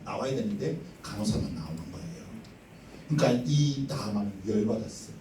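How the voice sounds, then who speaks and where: A male children's pastor telling a Bible story in an animated, dramatic way and asking the kids questions. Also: lowish voice, fairly quick, a little hiss or hum. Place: church sanctuary. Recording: echoey sanctuary, distant mic, faint ambience.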